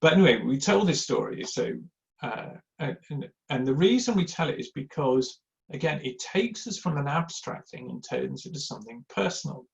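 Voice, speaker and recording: A middle-aged man with a gravelly edge to his voice, talking to a live audience in a loose, rambling way. He wanders into personal anecdotes, pokes fun at himself and fills the gaps with ums and uhs. The recording is a little dull and lo-fi. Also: mid-range voice, animated, normal speed. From Yorkshire, England. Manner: rambling, anecdotal, self-deprecating, many fillers. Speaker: church giving speaker. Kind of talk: informal talk to a live audience. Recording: slightly dull lo-fi sound.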